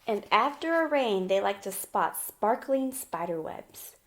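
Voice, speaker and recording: A woman with a mid-range, lively voice reads a children's picture book aloud at an unhurried pace. As a teacher, she talks the story through in simple terms and often asks the young listener questions, making it both a read-aloud and a lesson.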